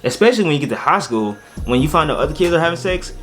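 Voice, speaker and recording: A young man vlogging his opinions in a blunt, animated way, with swearing and sudden outbursts. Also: on the high side, rapid-fire, faint music behind. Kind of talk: opinion rant to camera.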